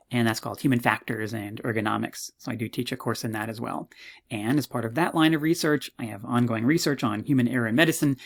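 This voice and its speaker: A man's voice: mid-range voice, creaky. Playful mock-modest male lecturer. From Canada. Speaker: university lecturer. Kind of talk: recorded course introduction video.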